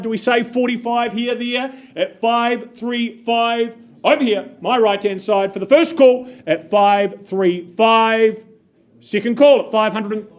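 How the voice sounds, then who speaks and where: High-voiced New auctioneer, masked. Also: male voice. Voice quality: slightly muffled by a face mask. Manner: brisk, upbeat patter, repeating bids. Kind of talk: rapid auction calling. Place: auction room.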